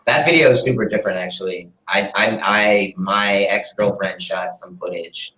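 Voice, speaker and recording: A singer-songwriter talks about his music as a guest in a casual interview, laid-back and rambling, in a room of a city apartment with street noise outside. His voice sits low and is bright and forceful at a normal speed, with roomy echo.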